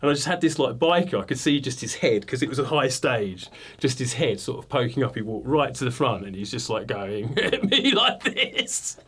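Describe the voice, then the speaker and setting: A man's voice: medium pitch, a little fast, few pauses, slightly rough. A man in his forties from England, a guitarist telling stories about playing live in a rambling, self-deprecating way, full of "like" and "you know". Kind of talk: relaxed interview storytelling.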